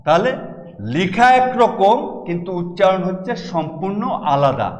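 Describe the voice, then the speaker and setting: A man teaching a class, explaining step by step and repeating words slowly. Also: sits high, expressive, darkish tone. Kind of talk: classroom lecture. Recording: echoey room with long reverb.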